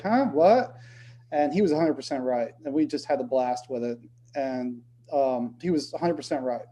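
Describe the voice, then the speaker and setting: A man's voice: on the high side, mellow, slight background noise. A man who has just turned fifty, answering interview questions in an easygoing, rambling way with many fillers. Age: 50s. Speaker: tournament director.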